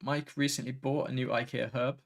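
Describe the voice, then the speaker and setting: A man chatting casually on a live tech stream, relaxed and a little tired, reading viewer comments aloud and drifting between topics. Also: mid-range voice, a little fast, vocal fry. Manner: relaxed, tired, easily sidetracked, reads chat aloud.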